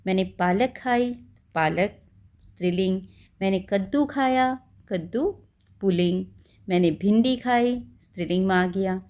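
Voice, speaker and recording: A woman teacher explaining a school lesson patiently, checking in with the listener often and slowing down to spell out words. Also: medium pitch, a little mellow.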